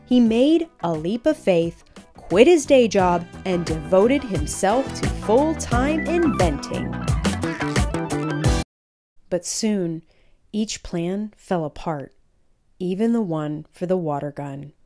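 Over loud music, a woman slowly reads aloud from a children's picture book. Her mid-range voice is expressive and emphatic, in a storytelling style.

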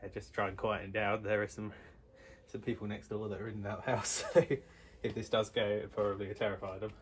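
A man's voice: on the low side, flat delivery, fairly quick, slight background noise. A man giving casual commentary outdoors while trying to start an old tractor, hopeful and talking half to himself, filmed on a handheld phone. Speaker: vlogger restoring an old tractor. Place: outdoors beside an overgrown tractor.

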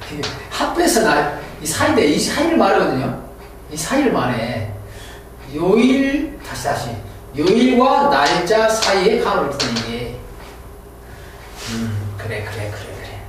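A man's voice: high voice, a little slow, slight background noise. A man lecturing on English words and grammar, who jokes and thinks aloud. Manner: lively, joking, thinks aloud. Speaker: English teacher. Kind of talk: classroom lecture. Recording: echoey room, mic far off.

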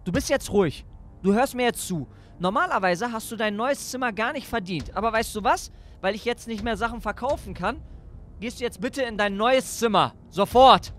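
A man's voice: high-pitched, normal speed, a bit bright, faint music behind. Figure: a man playing a stressed, strict dad. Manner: scolding. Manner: exasperated and scolding. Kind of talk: Roblox role-play.

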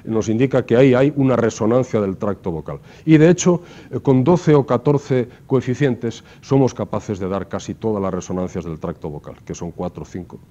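A man lectures to his class in a mellow, dark voice, walking through the material step by step. He keeps checking in with rhetorical questions. The recording is muffled and lo-fi. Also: fairly low pitch. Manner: explanatory, asks rhetorical questions with frequent tag "¿no?". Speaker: university lecturer.

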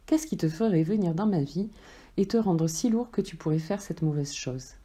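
A woman voicing an eager, wide-eyed little soul, asking questions in an excitable, sweet way. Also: on the low side, moderate pace, breathy edge. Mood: wondering.

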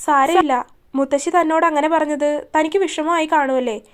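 An injured young man, kind and a little teasing, speaks softly and reassuringly, as a woman storyteller reads his lines. The voice stays high. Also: steady tone, normal speed, natural voice.

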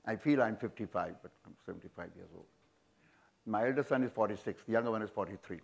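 This man's voice is lowish with vocal fry, and the high frequencies are cut off. He's in his seventies, has an Indian English accent, and is a business leader guest in an on-stage auditorium interview, miked with a lapel mic. His manner is frank and animated, full of chuckles and sweeping hand gestures.

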